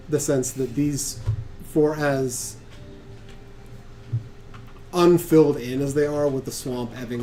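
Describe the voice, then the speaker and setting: A man's voice: medium pitch, warm tone, slight background noise. A man narrating as game master of a tabletop game, chatty and laughing often, with many restarts.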